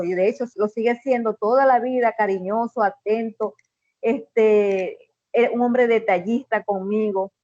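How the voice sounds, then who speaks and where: A woman telling a personal story in a casual conversation, with many restarts and pauses, over a video call. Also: a little high, darkish tone, no echo, highs cut off. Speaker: guest. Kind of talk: casual chat.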